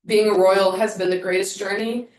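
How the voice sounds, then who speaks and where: A woman's voice: medium pitch, steady tone, moderate pace, darkish tone. A woman in her twenties, a swim team captain, giving a heartfelt farewell speech and trying not to cry. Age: 20s. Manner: heartfelt, fighting back tears. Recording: roomy, from a distance.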